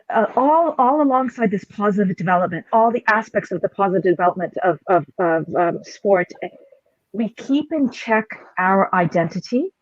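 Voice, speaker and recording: A woman hosting a podcast, making her points in a measured, formal way. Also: medium pitch, no echo. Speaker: podcast host. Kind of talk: podcast discussion. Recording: dry, dull lo-fi audio.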